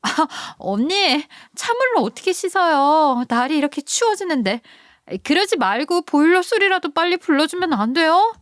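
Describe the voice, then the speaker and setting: A high, whining young woman pleads and complains in a storybook radio tale, as a woman narrator puts her on. The voice sits well above the narrator's own and sounds close and dry. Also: very animated, normal speed, a bit bright, no echo, heavily acted. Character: whiny young woman, sister-in-law.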